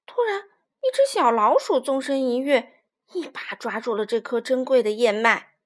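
A woman narrating a children's story with an expressive, animated reading. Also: high-pitched, normal speed.

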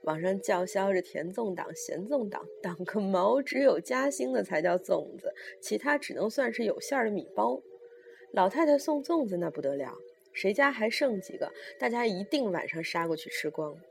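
A woman's voice: medium pitch, lively intonation, normal speed, creaky, a little hiss or hum. Woman reading a wry story aloud.

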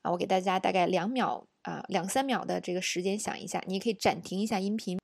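A woman teaching English pronunciation in an audio lesson, explaining slowly and saying each example word several times. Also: medium pitch, creaky, no room sound, studio quality.

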